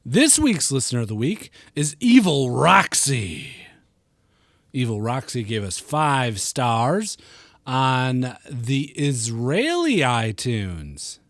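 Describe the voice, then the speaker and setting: A man's voice: mid-range voice, big pitch swings, slow pace, no room sound, studio quality. A man from Milwaukee hosting a gaming podcast, chatting casually in a joking, rambling way. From Milwaukee, USA. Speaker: podcast host.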